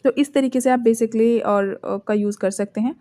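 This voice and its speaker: A woman with an Indian accent teaching spoken English in Hindi, reading English example sentences slowly and deliberately. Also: on the high side, fairly even intonation, mellow.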